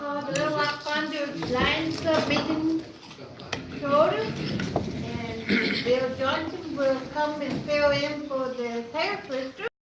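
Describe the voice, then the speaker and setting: A woman presiding over a club meeting, announcing items briskly and matter-of-factly. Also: high-pitched. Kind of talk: running a meeting. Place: meeting hall. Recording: echoey hall from far off, loud background noise.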